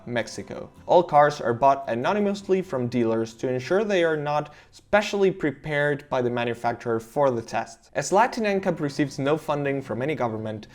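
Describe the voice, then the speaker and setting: A car reviewer from Argentina, a native Spanish speaker using English as a second language, delivers a car safety explainer in a medium-pitched, darkish voice, narrating with enthusiastic emphasis.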